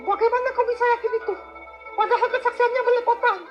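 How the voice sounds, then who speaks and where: A woman voicing an emotional young woman in an animated courtroom drama, pleading and stammering melodramatically. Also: very high-pitched, quick pace. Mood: defensive. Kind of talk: dramatic animated story dialogue. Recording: dull lo-fi audio with music behind.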